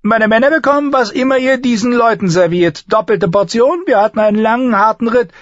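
A man voicing a sharp-tongued dwarf nobleman with a dry, sardonic manner in an audiobook reading. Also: very high-pitched, a little fast, dry recording, lo-fi sound, pitched above the performer's own voice. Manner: sardonic, commanding.

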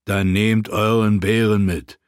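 A man voicing a brutish, dim-witted male slave-soldier sergeant who speaks gruffly, slowly and with contempt, in an audiobook. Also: lowish voice, little pitch movement, no room sound, clean studio sound. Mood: contemptuous.

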